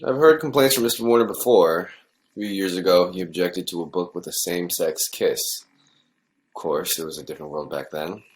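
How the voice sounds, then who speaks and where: In an audio drama, a male actor with a natural voice plays a high school principal who is worried and cautious. He speaks in a measured, conciliatory way, sounding concerned.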